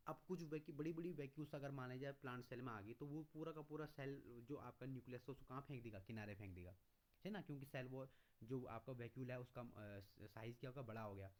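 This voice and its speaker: Speaking in a slightly mellow mid-range voice, this male classroom teacher poses questions and then answers them. He calls his students "beta," explaining in Hindi and slowing down whenever he reads his English notes aloud.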